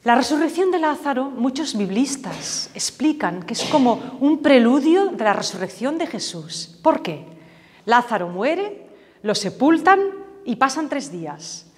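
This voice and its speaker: A woman's voice: sits high, sing-song, unhurried. A woman teaching a Bible class, telling gospel stories vividly and acting out the voices in the quotes. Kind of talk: storytelling Bible lesson. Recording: long reverb, hall-like echo.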